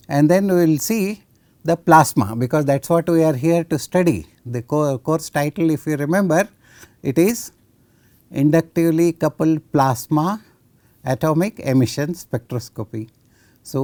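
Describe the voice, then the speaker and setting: A man delivers a technical science lecture in a mellow, relaxed voice. He explains didactically, posing short questions and answering them himself. The sound is close and dry, with very little room. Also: on the high side, dry recording.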